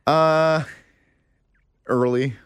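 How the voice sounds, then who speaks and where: A young man co-hosting a casual chat with his wife, telling stories with lively impressions of his family. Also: drawn-out words, smooth, no echo. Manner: animated storyteller, mimics relatives in a high voice. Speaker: podcast co-host.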